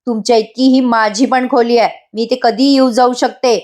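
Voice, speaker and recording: Figure: defiant wife, nervous but stubborn. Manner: talks back loudly. Performer: a woman playing her with a high voice. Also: steady tone, normal speed, natural voice.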